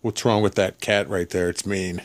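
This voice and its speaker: A woman's voice: extremely low pitch, fairly even intonation, moderate pace. A woman talking casually and teasingly, quizzing a voice assistant from behind a handheld camera in a small room. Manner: teasing, playful. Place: small cluttered room, indoors. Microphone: handheld camera or phone, speaker behind it.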